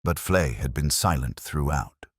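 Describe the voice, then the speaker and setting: An audiobook narrator with an extremely low, husky voice reads a scripted mystery in an unhurried, expressive way, his pitch moving through the sentences. The recording is dry, with little room sound and no echo.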